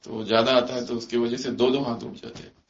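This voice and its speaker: A man's voice: medium pitch, little pitch movement, a little hiss or hum. A man giving a religious discourse to a gathering, asking many rhetorical questions and slipping in English phrases. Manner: slips quoted English phrases into his talk. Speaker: spiritual teacher. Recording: echoey, muffled room recording.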